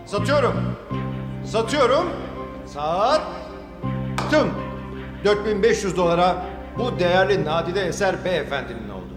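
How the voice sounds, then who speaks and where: A man's voice: high voice, big pitch swings, measured pace, pauses often. An actor playing a showy male auctioneer calling bids in a sing-song manner. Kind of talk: television drama acting. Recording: echoey hall with loud music.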